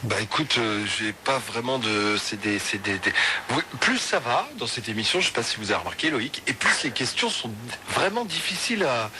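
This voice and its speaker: A man's voice: mid-range voice, moderate pace. A man hosting a late-night call-in radio show, joking and loose with the callers. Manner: lively, joking, apologetic asides. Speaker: radio host. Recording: radio broadcast with light noise.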